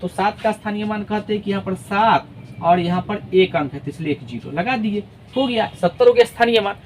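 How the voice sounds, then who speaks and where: A man teaching a math lesson, explaining step by step, reading digits out slowly one at a time, and often checking that the class is following. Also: high-pitched, slight background noise, poor audio.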